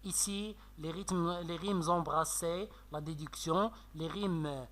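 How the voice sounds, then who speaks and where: A man teaching a French literature lesson with a Moroccan French accent, explaining slowly with many fillers and checks of "d'accord?". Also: a little high, fairly bright tone. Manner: slow, explanatory, frequent "euh" and "d'accord?". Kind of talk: classroom lecture on poetry analysis.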